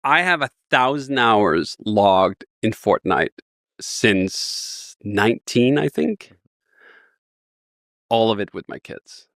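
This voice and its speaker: Danish guy in his 40s, keen rambling storyteller, bright sharp voice. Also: on the low side, animated, slow pace, no room sound, studio quality. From Denmark. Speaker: guest. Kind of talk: casual interview talk.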